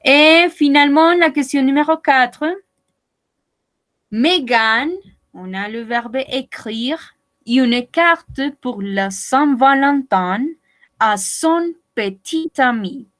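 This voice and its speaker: Female language teacher, slightly high, unhurried delivery, patient and encouraging, video-call sound. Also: fairly bright tone. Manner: patient, repeats and checks in with students. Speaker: French teacher. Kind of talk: online language class.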